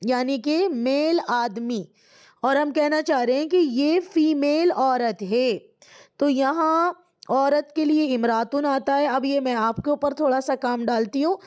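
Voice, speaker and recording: A woman teaching a lesson. She is patient, asks questions and answers them herself, and says key words slowly twice. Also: high voice, darkish tone. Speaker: Arabic teacher. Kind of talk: recorded classroom lesson. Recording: dull lo-fi recording.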